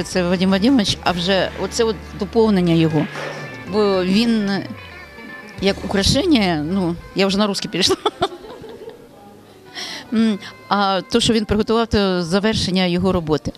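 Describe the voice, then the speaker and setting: A woman's voice: medium pitch, moderate pace, soft background music. A woman giving talkative, appreciative feedback after a cooking class. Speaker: master class participant. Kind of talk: casual spoken feedback.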